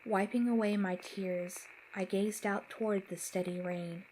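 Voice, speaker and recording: Casting: woman narrator for a creepy first-person story, slow and measured, faint hiss. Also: medium pitch, steady tone, a little mellow, rough recording. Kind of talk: scripted horror narration.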